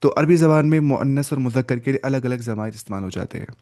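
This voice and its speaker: Guy teaching an online class, warm mellow voice, dry sound, keeps asking "what does it mean?". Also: mid-range voice, no room sound. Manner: repeats key words and asks the class quick check questions; patient step-by-step explaining, mixing in English terms. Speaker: Arabic teacher. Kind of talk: online language lecture.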